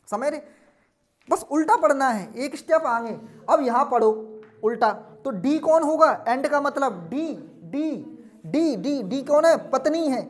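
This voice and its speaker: A man teaching a classroom lesson, drilling students with repeated questions and answers and scolding them now and then. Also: extremely high pitch.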